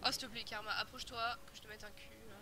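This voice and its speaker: A woman's voice: on the high side, steady tone, rapid-fire. A woman giving casual, playful commentary over her own gameplay, teasing and chatting to the players on screen. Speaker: gaming video host. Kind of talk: casual let's-play commentary.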